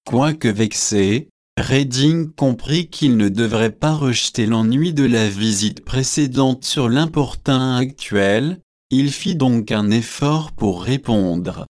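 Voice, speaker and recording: A man reading a classic novel aloud as an audiobook narrator, with a measured, even delivery. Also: mid-range voice, no room sound, clean studio sound.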